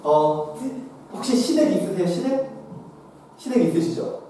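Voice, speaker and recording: A male pastor giving a humorous seminar lecture, lively, often questioning the audience and acting out little scenes. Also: sits high, a little slow, slight background noise. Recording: echoey hall, distant mic.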